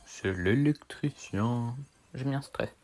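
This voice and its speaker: Teen guy streaming a game, low-ish voice, rambly slangy chatter that keeps restarting. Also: normal speed, darkish tone. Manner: rambling, slangy, self-correcting. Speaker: gaming streamer. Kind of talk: casual gameplay commentary.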